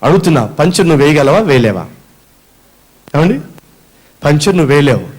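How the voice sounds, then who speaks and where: A male preacher with a high voice that swoops up and down as he works the room. He throws questions at the congregation, answers them himself and drops in English phrases along the way. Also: very animated, fairly quick, a little mellow. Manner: acts out a whining complainer as an example. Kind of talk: sermon.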